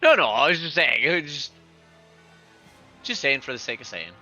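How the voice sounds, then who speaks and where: A man's voice: fairly high pitch, sing-song, normal speed, pushed and bright, faint music behind. A man talking casually as a player in a tabletop role-playing game.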